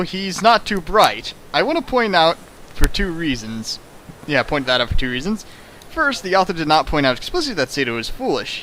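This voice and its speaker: A man with a fairly bright, somewhat high voice hosts a dramatic fan fiction reading, delivering casual critical commentary partly from a script. He's emphatic and jokey, repeating lines for effect, with a little hiss or hum in the background.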